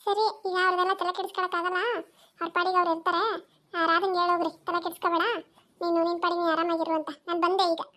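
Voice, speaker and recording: A shrill, very high cartoon mother, sharp-tongued and always scolding, voiced by a woman. She fires off her complaints at a brisk clip, nagging without pause. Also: flat delivery. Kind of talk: cartoon voice acting.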